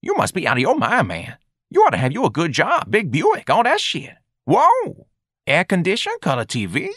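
Male narrator as a high, whooping streetwise young man, slangy and mocking, animated pitch. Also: moderate pace, husky, no echo, studio quality, full character voice. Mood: scoffing. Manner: exclamatory, slangy and wisecracking.

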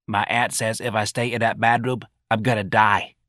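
A man's voice: on the low side, level tone, moderate pace, bright, forceful tone, no room sound, clean studio sound. A man voicing a sickly, wheezing, meek patrolman in a read-aloud story. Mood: feeble. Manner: feeble, pleading. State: wheezing, sniffling.

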